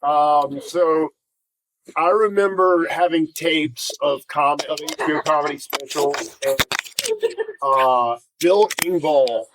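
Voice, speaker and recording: A man's voice: a little high, slow, background noise. A man in his forties from South Carolina, telling rambling, self-deprecating stories with lots of restarts as a guest on a comedy podcast. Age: 40s. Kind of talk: casual storytelling chat.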